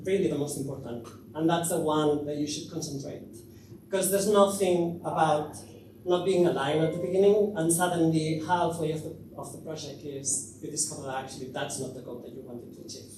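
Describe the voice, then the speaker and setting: A man from Spain giving a conference talk, pausing often with fillers as he presents. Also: a little high, a little mellow. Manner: hesitant, many fillers. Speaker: conference speaker. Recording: echoey hall, distant mic, noisy.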